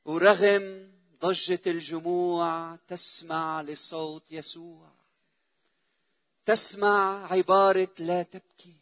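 A man preaching a sermon, emotive and repetitive, swelling loud then dropping to a hush. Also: high-pitched, steady tone, slow pace, long pauses, no room sound.

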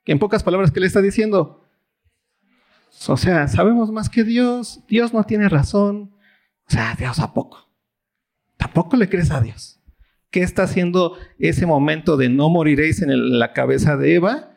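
A man's voice: expressive, moderate pace, creaky, darkish tone. A man with a Mexican Spanish accent teaching a Bible study in a casual, conversational sermon style, often asking the audience questions and acting out quoted voices. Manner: acts out quoted voices with big pitch swings.

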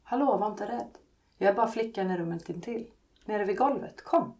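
A woman reading from her book, voicing a young girl who gently coaxes a frightened child in hushed tones. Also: medium pitch, lightly acted. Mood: coaxing. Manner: hushed, coaxing. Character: young girl, gentle and reassuring, whispering through a wall. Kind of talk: read-aloud storybook passage.

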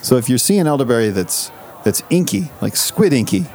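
A man co-hosting a casual, comedic podcast, making dry, deadpan jokes. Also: medium pitch, moderate pace, a little hiss or hum. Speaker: podcast co-host.

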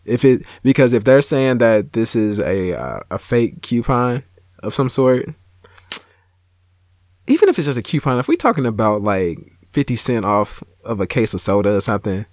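A man's voice: mid-range voice, lively intonation, moderate pace, darkish tone, no room sound, studio quality. A man co-hosting a podcast, teasing his partner in casual banter and often trailing off mid-thought. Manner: teasing, hesitant, trails off and restarts. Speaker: podcast co-host.

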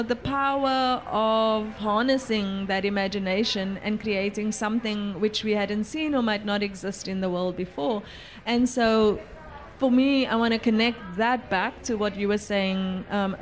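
A woman's voice: mid-range voice, slight background noise. A woman moderating a panel, reflecting aloud in a thoughtful, searching way. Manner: thoughtful, with many fillers and restarts.

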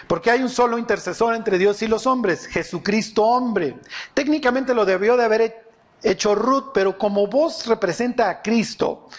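A man preaching a sermon, animated and often quizzing his audience with questions. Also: high-pitched.

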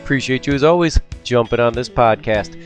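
On his solo podcast, a middle-aged host chats in a casual, upbeat way, dropping lots of ums, and sounds slightly congested. His mid-range voice moves at a brisk pace, with faint music playing behind him.

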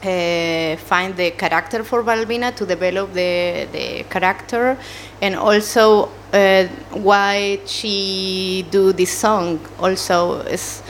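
Chilean woman, slow and hesitant. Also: medium pitch, a little hiss or hum. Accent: Chilean Spanish. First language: Spanish. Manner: hesitant, searching for English words, many fillers. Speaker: animator, interview guest. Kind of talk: casual interview answers.

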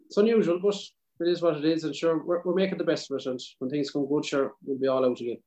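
Male podcast guest, west of Ireland Mayo accent, rapid easygoing conversational delivery over a video call. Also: a little high, steady tone, warm tone, dull audio. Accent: South Mayo, west of Ireland. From County Mayo, Ireland. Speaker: podcast guest, country singer. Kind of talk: casual interview chat over video call.

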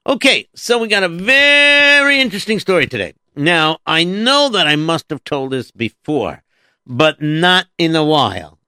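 Hosting a children's story show, a male storyteller patiently and dryly teases a sidekick who keeps interrupting. His bright, resonant, clear voice swings widely in pitch, expressive and a little slow, in a close, dry recording.

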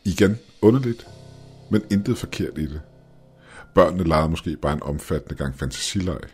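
A man narrating a scripted horror story in a steady, measured way. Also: extremely low pitch, soft background music.

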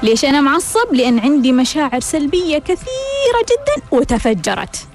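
High, animated woman host. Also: fairly quick, soft background music. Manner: rhetorical, repeats questions and answers them. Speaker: host of a self-help show. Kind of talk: scripted self-help monologue.

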